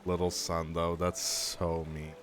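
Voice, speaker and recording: A man's voice: deep voice, monotone, slow, slight background noise. A young adult man streaming a game, chatting casually and upbeat, laughing easily as he talks to his viewers. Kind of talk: casual live game commentary.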